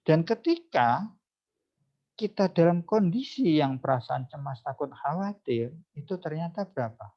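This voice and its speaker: A man's voice: on the high side, expressive, unhurried. A psychologist giving an online seminar talk, often asking his audience rhetorical questions and addressing them formally. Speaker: psychologist speaking at a webinar. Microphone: video call. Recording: dull lo-fi video call audio.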